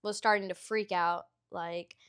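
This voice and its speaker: A woman's voice: on the low side, fairly even intonation, measured pace, fairly bright tone, smooth. A young adult woman co-hosting a podcast, talking candidly in a casual, rambling way with lots of fillers and the odd swear word. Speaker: podcast co-host. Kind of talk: casual chat.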